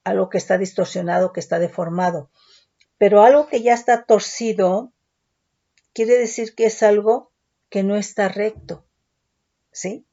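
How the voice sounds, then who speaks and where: A woman's voice: mid-range voice, measured pace, long pauses, mellow. A woman teaching a Bible study, explaining word meanings step by step and often checking in with her listeners. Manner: explains words step by step, asks "¿sí?" and "¿verdad?" often. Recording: dull lo-fi recording.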